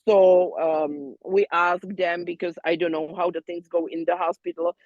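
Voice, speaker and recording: A woman, a doula student, casually telling peers about a birth in halting, non-native English full of fillers and restarts. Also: fairly low pitch, level tone, a little mellow, no room sound, lo-fi sound. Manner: non-native phrasing, loose grammar.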